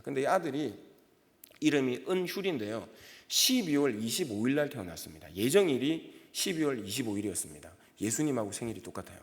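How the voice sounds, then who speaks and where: A man in his thirties preaching a sermon in a church, telling personal stories with lively delivery and acting out quoted voices. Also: medium pitch. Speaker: pastor. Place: church sanctuary. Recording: long hall reverb.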